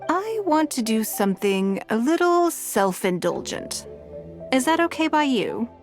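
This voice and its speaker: This actress voices a rich, poised businesswoman who leads in a video game, sounding measured, composed, elegant and confident. Here her pitch is fairly high and sing-song, her mood gentle and relaxed, with faint music in the background.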